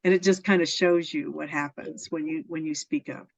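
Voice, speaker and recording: A woman's voice: sits low, fairly even intonation, moderate pace, creaky. A woman being interviewed, telling personal stories in an earnest, enthusiastic way and laughing often. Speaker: interview guest. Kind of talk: casual storytelling interview. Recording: dull lo-fi sound.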